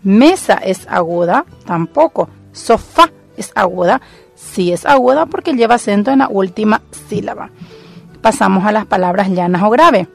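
A woman's voice: mid-range voice, animated, normal speed, creaky, faint music behind. A woman teacher working methodically through exercises, thinking aloud as she goes. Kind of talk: recorded classroom lesson.

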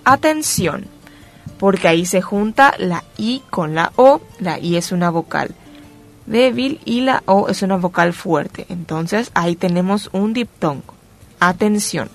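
A woman teacher explaining a grammar lesson slowly and emphatically. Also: mid-range voice, vocal fry. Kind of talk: recorded classroom lesson.

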